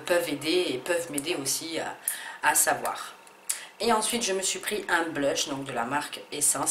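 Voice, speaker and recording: A beauty vlogger with a low, fairly bright voice films a casual haul video, speaking hesitantly with lots of fillers and restarts. The room is echoey, with faint ambience and slight background noise.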